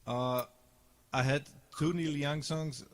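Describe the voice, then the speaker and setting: A man's voice: fairly high pitch, fairly even intonation, slow. A man with an Austrian German accent, a guest musician speaking politely and hesitantly, searching for words.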